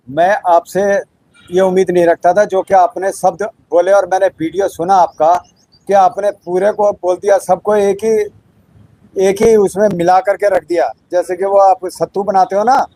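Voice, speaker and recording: A man's voice: sits high, fairly even intonation, unhurried, dark tone, rough recording. A middle-aged ex-serviceman making an angry, confrontational statement in a protest video. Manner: indignant, confrontational, accusing. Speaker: ex-serviceman activist.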